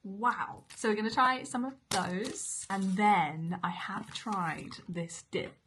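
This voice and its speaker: A woman's voice: medium pitch, takes it slowly, a bit bright, slight background noise. A young British woman taste-testing food for her vlog, chatting casually between bites and sometimes dropping to a half-whisper. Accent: British English. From Britain. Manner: chatty, eating while talking, drops to half-whispers. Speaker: food vlogger.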